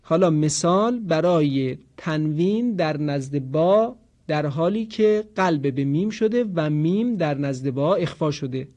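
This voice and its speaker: A man teaching Quran recitation rules in a lesson, explaining calmly and reciting examples slowly. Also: on the high side, lo-fi sound.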